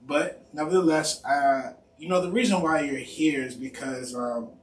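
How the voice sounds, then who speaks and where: A man's voice: fairly high pitch, normal speed. A man hosting a podcast interview, talking in a casual, slangy way with lots of "you know". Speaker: podcast host. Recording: roomy, distant mic, faint noise.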